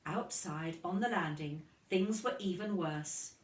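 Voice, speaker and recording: A woman with a fairly low, slightly slow voice reads a children's storybook aloud with lots of expression, like a kindergarten teacher speaking to young children. The recording is roomy and echoey, captured far from the microphone.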